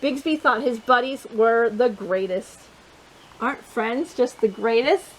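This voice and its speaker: A woman leads storytime, reading a picture book aloud to children with plenty of expression, chatty asides and questions for her listeners. Her voice is fairly high and her pace measured, though the recording is rough.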